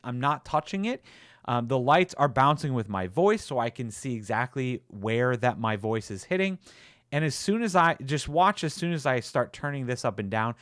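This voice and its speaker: A man's voice: medium pitch, fairly bright tone, dry recording, studio quality. A man casually walking through a product demo, upbeat and chatty with frequent "uh"s and repeats. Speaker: tech reviewer.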